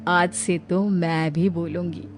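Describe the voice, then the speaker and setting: A stern mother-in-law who speaks in curt, clipped commands, played by a woman in an audio story. She talks slowly and deliberately, in a mid-range voice. Soft music plays underneath. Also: on the low side.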